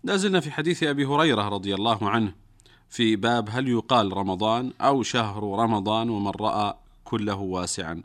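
Male religious program host, formal standard Arabic, rapid delivery, slightly low pitch. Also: a bit bright. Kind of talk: formal religious broadcast hosting.

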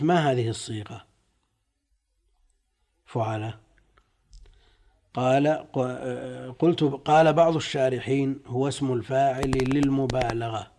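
A male sheikh gives a classical lesson, reading passages aloud and explaining them word by word. His voice is mellow and soft-edged, sitting at an ordinary middle pitch for a man. He draws out key words as he unpacks them. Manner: deliberate, stretches key words while explaining. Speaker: sheikh teaching a text.

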